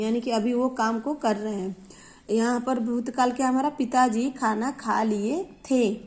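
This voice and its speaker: A woman school teacher, giving a patient Hindi grammar lesson to children. She repeats words slowly and mixes in English terms. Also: fairly high pitch, a little mellow.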